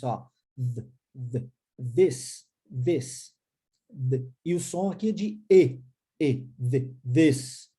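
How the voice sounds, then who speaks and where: A man's voice: high-pitched, slightly rough. A man from Brazil with a Brazilian Portuguese accent, teaching English in an encouraging way and checking in often with his students. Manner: lively, encouraging, explains slowly with many check-ins. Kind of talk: recorded language lesson.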